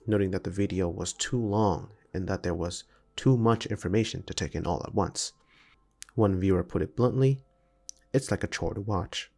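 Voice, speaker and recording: In a formal, academic manner, a man reads a scripted analytical video essay, his voice low and darkish in tone. He is a video essay narrator and amateur filmmaker.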